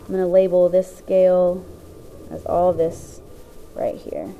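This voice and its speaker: Woman teacher going over graph stuff step by step, lowish mellow voice, patient. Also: level tone, unhurried, highs cut off, slight background noise. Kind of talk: classroom lesson explaining graphs.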